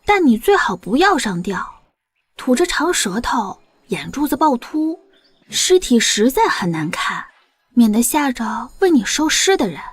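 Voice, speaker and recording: An actress playing a sharp-tongued young princess consort who taunts coldly. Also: female voice, on the high side, sing-song, measured pace, breathy edge, no echo, exaggerated voice. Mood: mocking. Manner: scornful, coolly taunting. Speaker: prince's wife.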